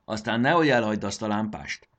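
A man's voice: lowish voice, expressive, fairly bright tone, pitched above the performer's own voice. A man voicing a teasing lizard-bird steed. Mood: playful. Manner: playful, good-humored.

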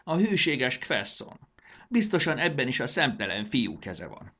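A man's voice: mid-range voice, very animated, bright, forceful tone, voice pushed up, exaggerated voice. A man reading a storybook aloud and voicing a hysterical, petulant male ruler who shrieks, sobs and whines. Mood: whining. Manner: shrieking, sobbing, manic laughter.

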